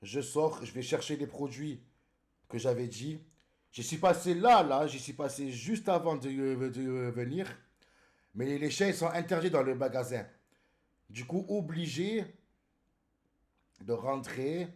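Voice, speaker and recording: A man's voice: mid-range voice, expressive, a little slow, pauses often. A man streaming live in casual chat, greeting viewers by name and calling them brother.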